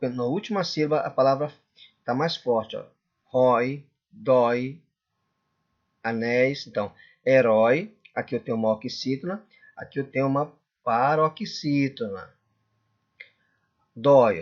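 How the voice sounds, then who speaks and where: A male Portuguese teacher giving a classroom lecture, often checking in with the class and drawing out example words slowly. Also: mid-range voice, highs cut off. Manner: checks in constantly with "correto?" and "tudo bem?".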